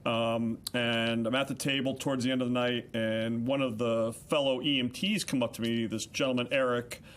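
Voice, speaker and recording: A man's voice: mid-range voice, fairly even intonation, normal speed, fairly bright tone. Rambling middle-aged man telling a story. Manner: rambling storyteller with fillers and restarts. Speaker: podcast co-host and guest. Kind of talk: casual interview chat.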